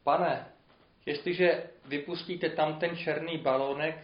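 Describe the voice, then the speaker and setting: A sad, shy village boy asks a hopeful question in an earnest voice, as a man telling a story puts him on. The voice sits a touch high, and the dull recording echoes around a room. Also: fairly even intonation, lightly acted.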